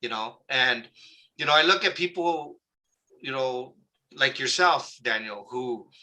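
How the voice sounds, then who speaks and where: A man, a guest telling lively stories in a casual interview and acting out the people he quotes. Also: mid-range voice, measured pace, low-quality recording. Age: 60s. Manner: animated anecdote-telling, acts out quoted people.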